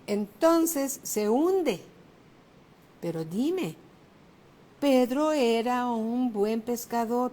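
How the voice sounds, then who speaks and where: A middle-aged woman pastor, preaching a sermon in a slow, emphatic way. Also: fairly high pitch, darkish tone. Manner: slow, emphatic preaching, raising her voice for exclamations.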